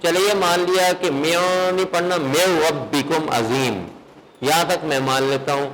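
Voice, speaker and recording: A man teaching a recitation class, quizzing his students on the rules and chanting verses slowly to show how they are read. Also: high voice, fairly even intonation, fairly bright tone, slight background noise, low-quality recording. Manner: questions students, then chants verses in slow melodic recitation. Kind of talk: classroom lesson.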